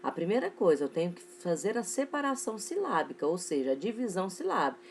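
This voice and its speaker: Lively female teacher, slow word dictation. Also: fairly low pitch, slight background noise. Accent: Brazilian Portuguese. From Brazil. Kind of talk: recorded online class for children.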